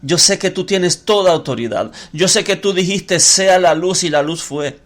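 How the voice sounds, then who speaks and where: A man's voice: high-pitched, moderate pace, a bit bright. A man voicing a Roman centurion, a grown man pleading with earnest, insistent repetition.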